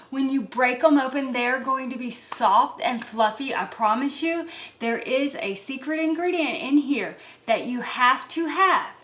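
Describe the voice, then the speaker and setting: A woman's voice: on the high side, a bit bright, slight background noise. A woman hosting a home cooking demonstration in her kitchen, chatty, upbeat and reassuring, a little out of breath. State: slightly out of breath. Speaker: cooking channel host.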